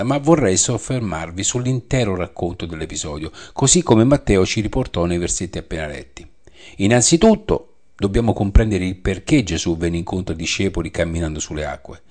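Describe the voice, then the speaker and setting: Reading passages aloud during a Bible study, a man explains them with measured care, restating each reference. He speaks in a low-pitched, slightly mellow voice.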